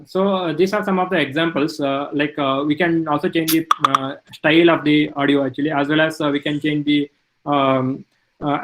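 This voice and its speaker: A male lecturer giving a technical talk, halting with many fillers. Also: a little high, rough recording.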